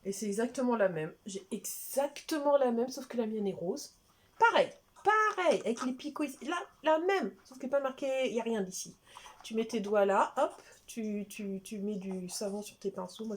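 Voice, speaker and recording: Unboxing beauty products, this beauty vlogger talks casually at a moderate pace in a voice on the higher side. Her chatter wanders, she interrupts herself, and at times she goes nearly to a whisper.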